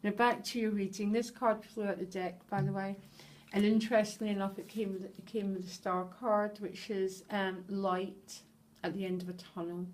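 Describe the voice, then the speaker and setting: A woman reads tarot cards for her viewers in an earnest, heartfelt way. She is openly moved as she speaks and keeps checking in with them as she goes. Her voice sits at an everyday middle pitch. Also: little pitch movement, moderate pace, darkish tone. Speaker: tarot reader. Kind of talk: tarot reading addressed to viewers.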